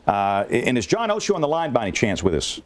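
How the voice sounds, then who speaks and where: A man anchoring live severe weather coverage, urgent and deliberate, repeating key warnings. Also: mid-range voice, wildly swooping pitch.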